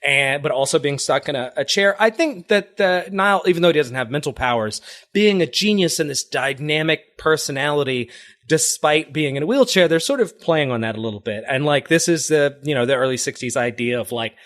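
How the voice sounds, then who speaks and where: A fairly high-voiced man talking casually on a comics podcast. He is chatty, explains things at length and breaks into laughs. His delivery is relaxed and conversational. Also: fairly quick. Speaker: podcast co-host.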